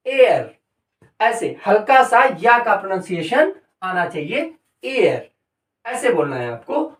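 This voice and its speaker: Middle-aged male teacher in an echoey room. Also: sits high. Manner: explains step by step, repeats examples slowly. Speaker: English teacher. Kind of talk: online grammar lesson. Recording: echoey room, far from the mic.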